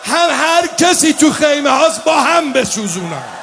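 Man shouting as a ruthless commander. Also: very high voice, very animated, vocal fry, voice pushed up, exaggerated voice. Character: cruel male commander ordering tents burned.

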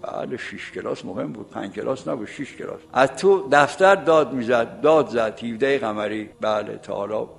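Gravelly elderly preacher in a reverberant hall. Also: male voice, medium pitch. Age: late 70s. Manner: recites Arabic sayings slowly, then explains them in plain speech; reminiscing, folksy storytelling. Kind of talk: sermon.

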